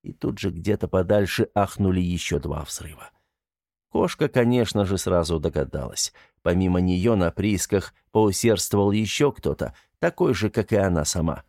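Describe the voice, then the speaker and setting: Audiobook narrator: man, low voice, measured delivery, dry booth recording. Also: animated, creaky, a little mellow, no room sound. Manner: measured, storytelling.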